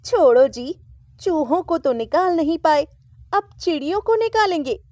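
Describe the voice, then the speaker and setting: A woman's voice: high-pitched, slow pace, dark tone, no room sound, pitched above the performer's own voice. A woman voicing an amused mother in a children's story who teases her husband mockingly. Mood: teasing. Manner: mocking, teasing. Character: teasing, amused mother laughing at father.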